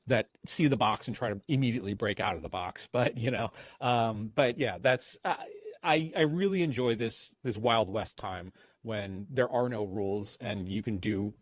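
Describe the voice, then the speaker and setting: A man's voice: lowish voice, normal speed, no room sound. A man talking as a podcast guest in casual interview chat, rambling with many fillers and restarts.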